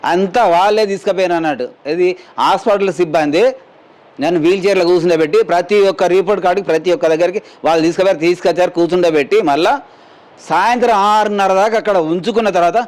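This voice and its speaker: A fast-talking middle-aged man from Telangana, India, with a high-pitched, darkish voice, recounts to an interviewer how he was hurt working in a mine. His rambling, plain retelling, given to a news camera, includes dialogue quoted from people he met.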